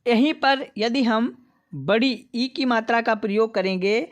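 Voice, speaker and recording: Patient woman teacher, very slow and measured, sounds out each syllable for beginners. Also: on the high side. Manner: patient, addresses viewers as friends. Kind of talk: slow lesson reading syllables aloud.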